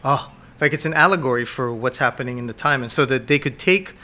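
Eager man with a bright voice. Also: medium pitch, quick pace. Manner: enthusiastic fan explaining at length. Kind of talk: casual chat.

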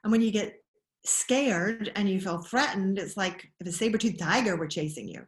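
A woman, a parenting educator, explaining ideas in an interview with an earnest, animated manner and frequent restarts. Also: mid-range voice, normal speed, echoey room.

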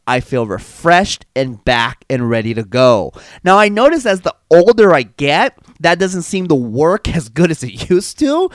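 A man's voice: high-pitched, clean tone, dry recording. A man hosting his own podcast in a chatty, sarcastic, rambling monologue, still slightly stuffy from a cold. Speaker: podcast host. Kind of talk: casual solo podcast monologue.

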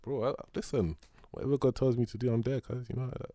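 A man's voice: medium pitch, fairly even intonation, fast talker, warm tone, no room sound, clean studio sound. A young man with an urban London roadman accent, chatting casually and slangily as a podcast co-host, with plenty of banter. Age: young adult. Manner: slangy, bantering, addressing listener as bro.

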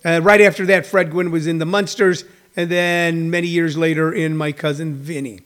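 Guy with a high pitched voice hosting a radio show, rambles and stumbles along, pokes fun at himself. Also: fairly even intonation, fairly bright tone. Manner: digressive, self-deprecating, halting. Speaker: host of a daily live streamed comedy radio show. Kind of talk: casual, rambling chat to listeners.

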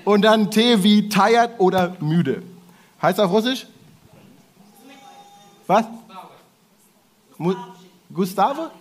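A man preaching to a congregation in a lively way, talking directly to the audience with playful asides. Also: high-pitched, very slow, long pauses. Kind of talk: sermon to a congregation.

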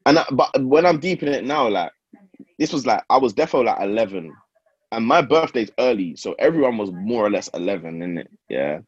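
A man's voice: medium pitch, very animated, fairly quick, breathy edge, no room sound, dull audio. A young man in his twenties with a London roadman accent, chatting casually and telling stories in heavy street slang, often repeating his phrases. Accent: London roadman (multicultural London English). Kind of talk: casual group chat, storytelling in street slang.

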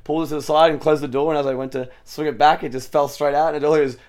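A man on a podcast talks quickly, his pitch sitting a bit high for a man. He rambles through casual anecdotes with restarts. His delivery is animated and chatty. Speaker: podcast co-host. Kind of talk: casual storytelling chat.

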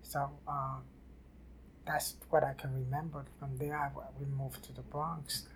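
An older woman from New City, telling her life story haltingly in an oral history interview. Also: rumbling low, flat delivery, a little hiss or hum. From New York City. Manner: halting, repeats and restarts phrases. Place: library office.

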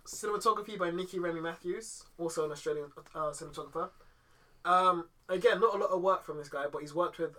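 A young man with an urban London accent, chatting about films in a slangy, animated podcast style. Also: a little high. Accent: London, urban street slang delivery. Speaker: podcast co-host. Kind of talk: casual film discussion.

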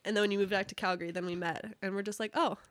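A woman's voice: medium pitch, fairly even intonation, very fast, no room sound. Young woman host, dry close studio sound. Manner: giggly, informal. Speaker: podcast host and interviewer. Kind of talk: casual chat. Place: studio, in person.

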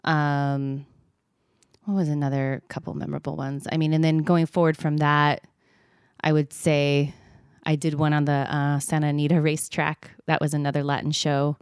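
In clean, echo-free studio audio, a woman in her thirties with a low, smooth, slightly mellow voice speaks at a moderate pace with little pitch movement. She co-hosts a podcast and, as a singer who performs in Spanish without it being her native tongue, shares candid gig stories full of fillers and easy laughter.

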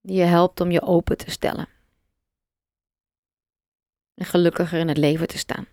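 A woman leads a guided meditation in a low, gravelly voice. She talks slowly and softly, leaving long pauses, and the recording is close and dry. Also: no echo. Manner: slow, soft and calm, with long pauses.

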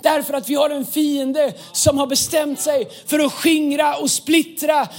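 A man pastor preaching an impassioned sermon, often raising his voice to a shout and dropping English phrases into his talk. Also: very high-pitched, little pitch movement, faint music behind.

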